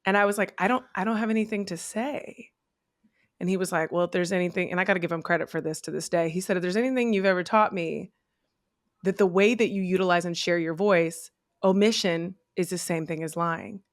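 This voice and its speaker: Brief: a woman interview guest, animated and candid storyteller, dry close sound. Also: lowish voice, fast talker, no room sound. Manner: animated storyteller, acts out quoted voices, swears casually. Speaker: podcast guest, network founder.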